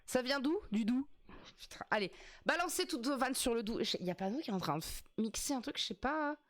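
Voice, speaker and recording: A woman's voice: on the high side, expressive, brisk, no echo, studio quality. A woman streaming live, reacting to a game show in casual chat, joking with her viewers and swearing often. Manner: chatty, swears, laughs often, jokes with chat.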